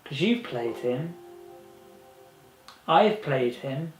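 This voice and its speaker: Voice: mid-range voice, animated, very slow. A fan film cast member chatting casually about the shoot, rambling and laughing often. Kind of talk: casual behind-the-scenes chat. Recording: echoey room with faint noise.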